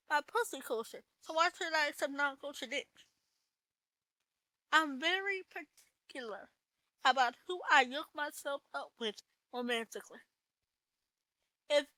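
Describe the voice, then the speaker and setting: A woman's voice: high voice, pushed and bright, no room sound, rough recording. A woman hosting a podcast, giving a personal testimony in a blunt, preachy manner and swearing freely. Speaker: podcast host.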